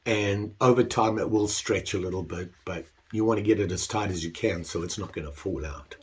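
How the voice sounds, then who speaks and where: Still stuffed up from the flu, an older leatherwork vlogger chats loosely about his craft in the workshop, self-deprecating and meandering. His voice is low and his pace a little quick.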